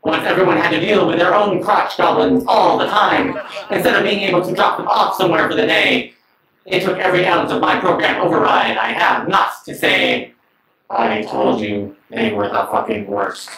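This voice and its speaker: A man performing standup as a smug male comedy robot, with a deadpan, mock-mechanical delivery and snide asides. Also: on the high side, moderate pace. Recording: roomy sound from a distance.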